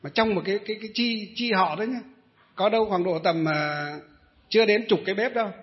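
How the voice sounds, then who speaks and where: High-voiced monk telling a story. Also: male voice, a little fast. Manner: rambling storyteller, many hesitations, addresses listeners. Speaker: Buddhist monk. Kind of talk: storytelling dharma talk. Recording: dull lo-fi recording.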